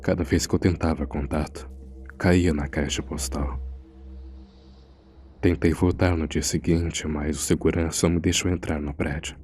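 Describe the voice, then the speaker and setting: In a scripted horror audio drama, a man plays an uneasy morgue assistant recounting a frightening secret in first person, grave and suspenseful. His very deep, darkish voice holds a steady tone at a moderate pace. A little hiss or hum sits in the audio.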